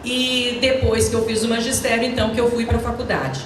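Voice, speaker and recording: A retired Brazilian teacher in her sixties, speaking with a Brazilian Portuguese accent, is a guest speaker telling students personal stories. Her voice is fairly high and fairly even, her pace fairly quick, and her manner chatty and anecdotal as she addresses the audience directly. She uses a handheld mic in a large, echoey school hall, recorded from a distance with some background noise.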